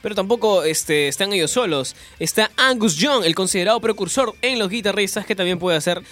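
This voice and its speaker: High-voiced enthusiastic young man on student radio. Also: a little fast, sharp tone. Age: young adult. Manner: enthusiastic, playful complaining. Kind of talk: casual radio chat.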